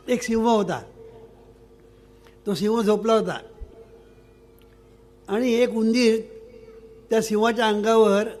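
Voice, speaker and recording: High-voiced older man giving a spiritual discourse. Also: slow pace, long pauses, darkish tone. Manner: repeats key words, asks listeners if they understood. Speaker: spiritual teacher. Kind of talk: discourse with a parable.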